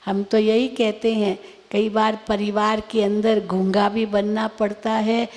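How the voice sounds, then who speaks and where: A woman's voice: medium pitch, little pitch movement, slow pace, darkish tone. A woman spiritual teacher answering questions in a spiritual talk, patient and explaining through homely examples and rhetorical questions. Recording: long hall reverb.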